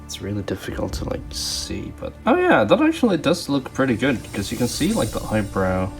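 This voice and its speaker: A toy customizer hosts a hobby video, giving casual hands-on commentary and hesitantly thinking aloud as he works. His medium-pitched voice is creaky and sing-song and runs a little fast. Music plays in the background.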